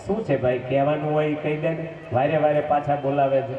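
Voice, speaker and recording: A male preacher voicing a poor, humble old Brahmin who is proud and self-respecting, speaking in a low, weary, pleading way. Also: fairly even intonation, brisk, close to an everyday voice. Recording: echoey hall, distant mic, dull sound, faint music.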